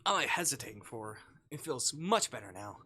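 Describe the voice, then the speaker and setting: A live streamer playing a visual novel reads its text aloud and mixes in playful chat, his bright, forward voice husky and very animated in pitch. He speaks at normal speed with an expressive, jokey delivery.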